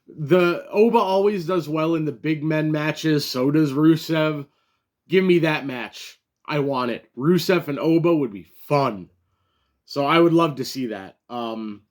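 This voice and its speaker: A man giving a casual solo review of a wrestling show, chatty and loose, with many fillers and bursts of excitement. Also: fairly high pitch.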